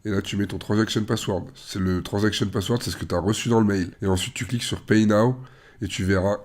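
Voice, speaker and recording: A man with a rough, worn-out voice gives an informal step-by-step screen walkthrough, talking the viewer through each click. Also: on the low side, steady tone, fast, a little mellow. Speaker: tutorial presenter.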